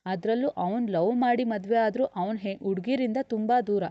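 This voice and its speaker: A woman puts on a caring middle-aged aunt from a family storybook, coaxing and puzzled. Her voice is mellow in a dry, slightly dull recording. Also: medium pitch, moderate pace, no echo, close to an everyday voice.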